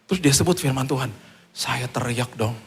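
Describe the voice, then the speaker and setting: A man's voice: medium pitch, normal speed, husky. A man preaching a sermon, telling a personal story with dramatic rises and acted-out voices. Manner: dramatic storytelling, acting out voices and shouting at peaks. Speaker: pastor. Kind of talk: sermon with testimony.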